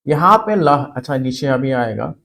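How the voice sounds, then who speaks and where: A man's voice: medium pitch, expressive, measured pace, creaky, fairly bright tone. A man teaching a spelling and grammar lesson for exam students, explaining step by step and repeating words for emphasis.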